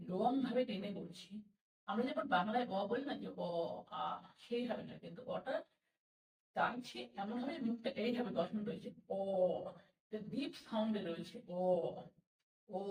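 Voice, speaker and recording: A Bengali-speaking woman teaching English pronunciation, slowly repeating each sound and example word. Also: on the high side, a little mellow, recorded from a distance. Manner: slow, patient, repeats sounds and example words. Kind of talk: spoken language lesson. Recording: roomy echo from away from the mic.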